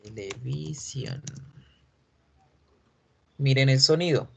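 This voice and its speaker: A man's voice: mid-range voice, slow, vocal fry, noisy background. A male teacher giving a pronunciation lesson, patiently repeating each word several times as a drill. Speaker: English teacher.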